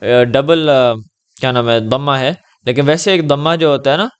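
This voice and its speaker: A man giving a patient one-on-one Arabic lesson over a video call, gently reassuring and checking in often. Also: medium pitch, smooth. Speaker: Arabic tutor.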